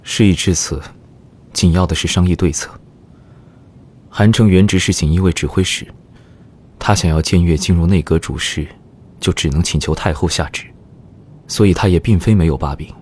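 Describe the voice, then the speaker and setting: A male actor playing a composed, courteous scholar in a Chinese historical audio drama, speaking in a measured, polite way. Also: low-pitched, a little mellow, husky. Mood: composed, gentle.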